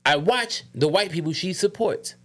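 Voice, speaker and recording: During a heated but casual podcast conversation, a male co-host goes on an emphatic, profanity-laced rant with a slight lisp. His voice sits high and is expressive, and he talks at a normal speed.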